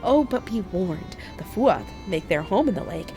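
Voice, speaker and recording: A playful, whimsical pixie from a fantasy game, acted out by a woman. She speaks in an airy, theatrical way with very animated intonation, lofty and teasing. Faint music plays underneath. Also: moderate pace. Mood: pleading, whimsical. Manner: airy, theatrical, addresses listeners as lowly mortals.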